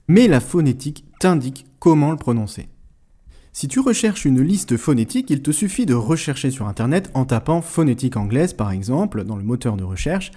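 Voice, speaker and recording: A man explaining pronunciation in a scripted lesson, speaking directly to the listener in a clear, explanatory way. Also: mid-range voice, dark tone. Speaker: language teacher.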